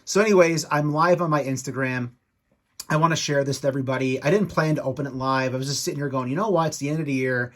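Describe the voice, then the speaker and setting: A man in an annoyed, rambling rant to camera, speaking off the cuff, halting and repeating himself as he vents. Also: mid-range voice, fairly even intonation, a bit bright. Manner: annoyed, ticked-off venting. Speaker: YouTube toy collector and podcast co-host.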